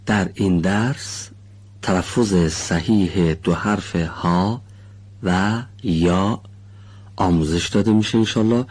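A man teaching pronunciation in a studio lesson, polite and formal, patiently explaining and slowly stretching out syllables as he demonstrates. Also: low voice, darkish tone, husky. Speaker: Quran recitation teacher.

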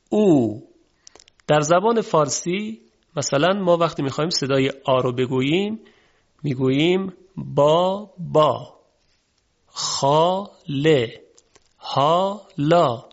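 A man whose first language is Persian teaches Quran recitation in a measured way, demonstrating Arabic vowel sounds. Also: on the high side. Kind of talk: spoken lesson on Quranic pronunciation. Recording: dull lo-fi recording.

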